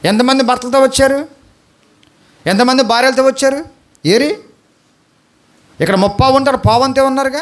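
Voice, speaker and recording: A man's voice: very high voice, moderate pace, pauses often. A male pastor with an Andhra Telugu accent preaching a sermon, pleading with the congregation and firing questions at them.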